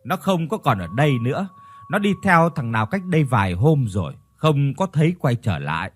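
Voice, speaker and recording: A man's voice: mid-range voice, very animated, a little fast. A man voicing a spiteful, scornful village mother in a ghost story. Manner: scornful, sneering.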